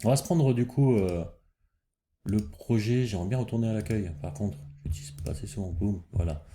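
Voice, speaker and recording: Low, dark-voiced man thinking aloud. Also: a little fast, a little hiss or hum. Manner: thinks aloud, many fillers and restarts. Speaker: programming tutorial host. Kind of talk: casual screen-share coding lesson.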